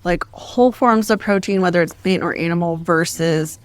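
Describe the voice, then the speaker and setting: A woman's voice: lowish voice, moderate pace, no echo. A woman co-hosting a podcast, asking probing follow-up questions in a casual chat. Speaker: podcast co-host.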